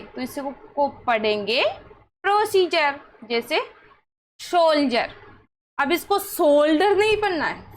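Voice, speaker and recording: A woman's voice: high-pitched, fairly bright tone, a little hiss or hum, poor audio. A woman with a Hindi accent teaching English pronunciation rules, asking questions and answering them herself in an encouraging way. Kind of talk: classroom-style pronunciation lesson.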